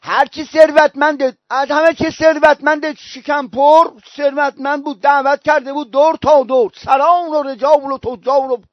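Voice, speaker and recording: A man's voice: very high voice, flat delivery, few pauses, dry recording. A male preacher delivering a sermon, telling stories with emphatic repetition. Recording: dull, dry recording.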